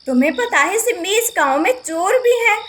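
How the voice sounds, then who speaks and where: A woman's voice: extremely high pitch, lively intonation, fairly quick, fairly bright tone. A woman voicing a cautious, sensible young village girl who gives warnings, in a doll-play story. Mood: earnest.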